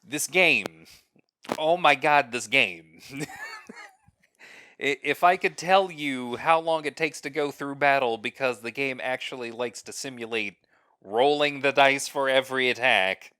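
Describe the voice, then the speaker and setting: Slow, halting man with a bright voice. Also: medium pitch, clear, resonant tone, dry recording, studio quality. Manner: slow, halting, many fillers, wry complaints. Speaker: podcast co-host. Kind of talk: casual podcast chat.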